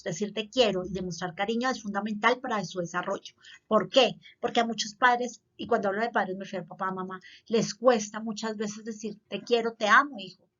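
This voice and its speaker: A woman's voice: fairly high pitch, a bit bright. A woman school counselor gives an earnest, explanatory talk to parents, repeating points for emphasis. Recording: slightly dull lo-fi audio.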